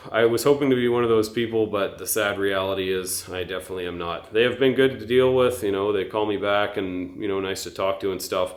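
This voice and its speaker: A man's voice: on the low side, roomy sound. A man giving a casual, candid truck-build update vlog, hesitant and full of fillers.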